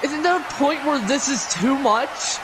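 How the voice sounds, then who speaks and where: A man's voice: extremely high pitch, lively intonation, normal speed, crowd noise. A man providing color commentary on a video game wrestling match, incredulous and exclamatory.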